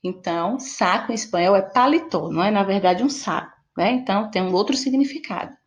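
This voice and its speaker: A woman's voice: medium pitch, a little fast. A woman with a Brazilian Portuguese accent teaching a Spanish vocabulary lesson, explaining patiently and checking in with her listeners. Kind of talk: online lesson.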